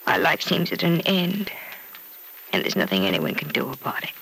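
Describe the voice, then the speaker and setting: A woman's voice: low-pitched, big pitch swings, normal speed, creaky, a bit bright, heavily acted, rough recording. An actress playing a grief-stricken, despairing young woman patient in a 1940s radio soap opera, with anguished, melodramatic delivery. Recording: old radio recording with faint noise.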